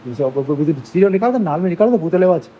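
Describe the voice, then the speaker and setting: A woman's voice: lowish voice, animated, racing, muffled recording, a little hiss or hum. A woman at home talking to her young children, coaxing and scolding them in repetitive, speech. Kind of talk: casual family home video.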